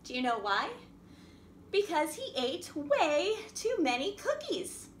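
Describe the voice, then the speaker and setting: Reading aloud to little ones at a library storytime, a middle-aged woman speaks slowly in a high, sing-song, animated voice, explaining as she goes and posing easy questions. She sits at a wooden table in a small room, filmed from a few feet off, with roomy echo and faint noise.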